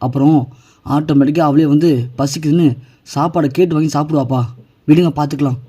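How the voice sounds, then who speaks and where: A man's voice: on the high side, steady tone, quick pace, warm tone, slightly rough. A man reading the lines of a scornful young woman who orders someone away, in his own scolding voice. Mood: threatening. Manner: scolding, bossy.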